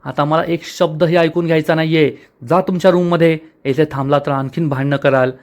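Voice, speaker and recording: A man's voice: a little high, fairly even intonation, fairly quick, natural voice. Brief: a man voicing a stern, scolding young man in a storybook recap. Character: stern young son scolding his mother.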